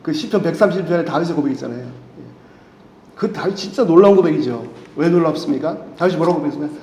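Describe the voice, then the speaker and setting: A male pastor preaching a sermon, animated and full of questions to the congregation, sometimes dropping to a soft near-whisper. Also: on the high side, rapid-fire, slight background noise. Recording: echoey hall reverb.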